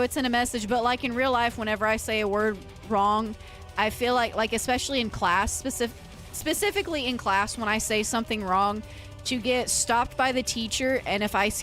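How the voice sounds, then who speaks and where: Her voice is on the high side and fairly bright as this US woman, a livestreamer and metal vocalist, chats earnestly and casually with her audience. She tends to ramble, often breaking off and restarting what she's saying.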